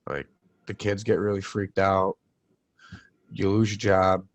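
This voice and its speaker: A man's voice: deep voice, level tone, measured pace. A man co-hosting a podcast, telling stories in a casual, rambling stoner way and swearing freely. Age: adult, parent of young child. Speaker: podcast co-host. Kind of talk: casual podcast banter and storytelling.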